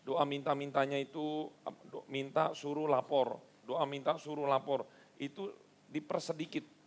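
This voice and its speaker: Male preacher, lively sermon delivery with rhetorical questions; gravelly tone. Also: on the high side. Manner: animated storytelling with acted quotes and rhetorical questions. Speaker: pastor.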